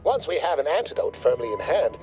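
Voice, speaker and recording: A man's voice: a little high, very animated, brisk, a little mellow, faint music behind, low-quality recording. An actor playing a pompous male corporate scientist in a video game, speaking in verbose, condescending corporate jargon. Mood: smug.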